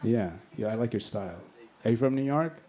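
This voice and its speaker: A man's voice: mid-range voice, animated, fairly quick. Brash young man from Bangladesh doing stand-up. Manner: brash, crass, teasing banter with the crowd. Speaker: stand-up comedian. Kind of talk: stand-up set with crowd work. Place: comedy club stage. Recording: club set with roaring crowd laughter. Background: loud audience laughter.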